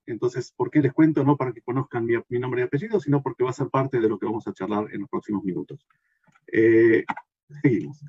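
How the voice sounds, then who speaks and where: An Argentine consultant delivers a recorded workshop presentation in a warm, brisk, mid-range voice, full of fillers and restarts. The audio is dull but free of room sound.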